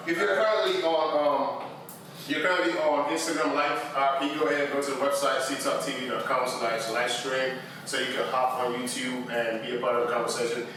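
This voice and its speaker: A man hosting a casual group chat on a livestream, relaxed and laughing easily, recorded echoey from a distance. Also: mid-range voice, a little fast. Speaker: show host. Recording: echoey room from a distance with background noise.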